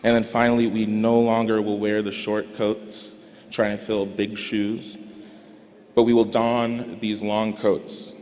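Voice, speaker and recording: A young man giving a commencement speech on behalf of his graduating class, earnest and deliberate, with emphatic rises. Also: fairly low pitch, little pitch movement, darkish tone. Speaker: graduating student speaker. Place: large arena. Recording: reverberant arena PA sound.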